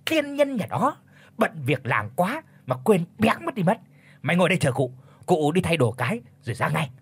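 A man's voice: on the high side, lively intonation, fairly quick, husky, no room sound. A man voicing a bossy old village chief who barks curses and orders, stammering when frightened.

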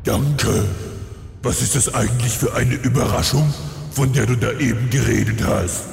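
A man playing an undead dark king in a parody audio drama, stiffly polite and deadpan with a gravelly voice. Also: medium pitch, moderate pace. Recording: echoey hall reverb, faint noise.

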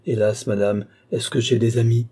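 A man's voice: medium pitch, fairly even intonation, moderate pace, warm tone, husky, close to an everyday voice. A man reading the part of a frightened young Roman noblewoman in an audiobook, in a pleading voice. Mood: bitter. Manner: pleading, fearful.

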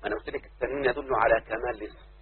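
A man's voice: medium pitch, steady tone, racing, a little hiss or hum. A man with an Egyptian Arabic accent teaching a grammar lesson, who keeps checking with his listeners through repeated questions. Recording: muffled phone-like audio.

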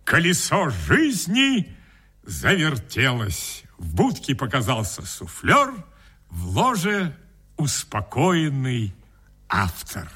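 A man narrating a first-person story in an expressive, dramatic reading. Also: on the high side, slightly rough. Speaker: audiobook reader.

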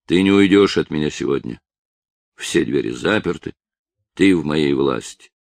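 A man's voice: rumbling low, expressive, normal speed, vocal fry, a little mellow, dry recording, exaggerated voice. A man voicing an obsessive, possessive villain who threatens a young woman, in a menacing, insistent manner. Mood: threatening.

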